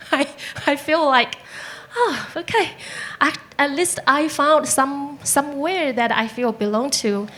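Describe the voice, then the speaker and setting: A woman's voice: on the high side, a bit bright. A woman from Taiwan, a business consultant speaking as a guest on a live panel, open and heartfelt, with simple phrasing.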